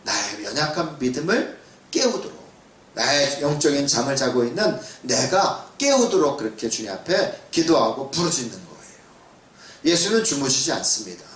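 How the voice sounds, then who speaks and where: A man's voice: medium pitch, very animated, normal speed, a bit bright. A man preaching as a church pastor, talking casually with the congregation, asking rhetorical questions and acting out what people say. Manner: conversational preaching with rhetorical questions and acted-out quotes. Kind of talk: sermon. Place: church sanctuary. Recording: roomy sound from a distance.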